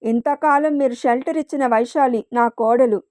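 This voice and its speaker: A woman's voice: fairly high pitch, moderate pace, darkish tone, no echo, clean studio sound, lightly acted. A woman voicing a proud, arrogant wealthy mother in a storybook reading, talking down to everyone. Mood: haughty. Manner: haughty, arrogant.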